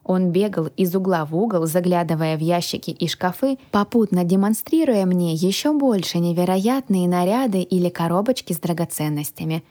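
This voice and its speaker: A woman reading a first-person fantasy audiobook, lively and voicing the dialogue. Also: on the low side, moderate pace, few pauses. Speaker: audiobook narrator.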